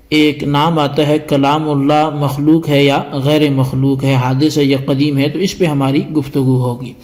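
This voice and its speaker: Male religious teacher, fairly high voice, patient step-by-step scholarly lecture. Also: a little mellow. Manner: explanatory, defines terms step by step. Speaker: teacher of Quranic exegesis.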